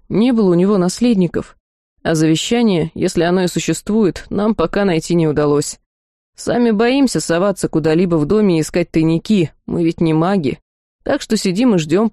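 A woman's voice: lowish voice, moderate pace, dark tone, no echo, clean studio sound, close to an everyday voice. A woman voicing a worried middle-aged housekeeper in an audiobook. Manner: worried, pleading.

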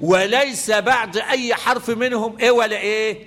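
A man's voice: high-pitched, fairly quick, a bit bright. A man with an Egyptian accent teaching a class the rules of Quranic recitation. He keeps quizzing his students with repeated questions and chants the verses melodically. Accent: Egyptian Arabic.

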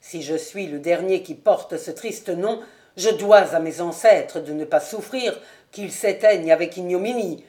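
Woman reader doing a somber young nobleman, low, grave, proud. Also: level tone, measured pace, darkish tone.

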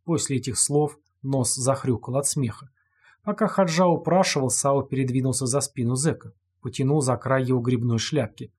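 A man narrating an audiobook in a steady, dramatic reading voice. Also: medium pitch, moderate pace, breathy edge.

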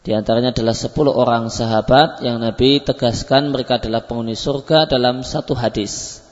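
Teacher lecturing in an echoing hall. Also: male voice, medium pitch, steady tone, fairly quick. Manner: explanatory, with frequent fillers and self-corrections. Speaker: Islamic teacher. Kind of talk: religious study lecture. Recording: lo-fi recording with long hall reverb.

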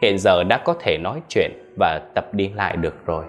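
A man narrating a horror story in an expressive storytelling manner, with soft music underneath. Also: sits low, fairly quick.

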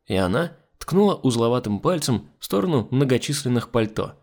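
A man's voice: medium pitch, fairly quick, gravelly. A man reading a first-person audiobook as narrator. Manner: lively first-person storytelling. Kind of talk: scripted narration.

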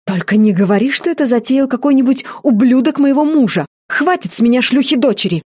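A woman's voice: medium pitch, takes it slowly, husky, no echo, clean studio sound. A woman reading an audiobook, voicing a stern aristocratic mother who scolds in harsh outbursts. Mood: scornful. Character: stern aristocratic mother-in-law, shrill and furious.

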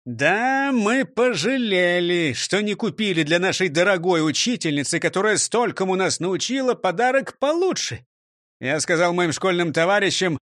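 A man's voice: high-pitched, a bit bright, dry recording, clean studio sound, pitched above the performer's own voice. A man playing a cocky, scheming gang boss who talks in a smug, wheedling way.

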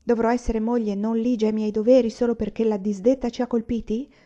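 Woman voicing a tender practical wife, soft and restrained, mellow tone, slightly dull recording. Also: fairly high pitch, flat delivery, a little fast, lightly acted.

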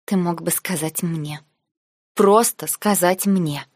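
A woman's voice: on the low side, takes it slowly, dry recording, studio quality. A woman reading the lines of a distraught young noblewoman arguing with her uncle in an audiobook. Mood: upset, shouting. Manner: pleading, then shouting in anger. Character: angry, hurt young noblewoman heroine.

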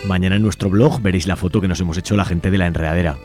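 Over loud music, a deep-voiced man with a Spanish accent from Spain hosts community radio at a very fast clip. His announcements are informal, and he speaks straight to listeners in a conversational, welcoming way.

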